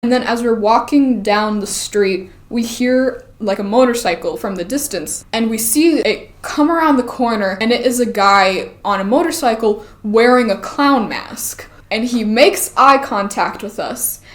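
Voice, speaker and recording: A young woman telling a casual anecdote in a steady, suspenseful way. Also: on the high side, a little slow, hardly any pauses. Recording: roomy recording.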